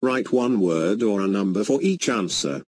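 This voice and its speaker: A man reading scripted exam instructions in a formal, measured announcer's manner. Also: fairly low pitch, animated, darkish tone, a little hiss or hum.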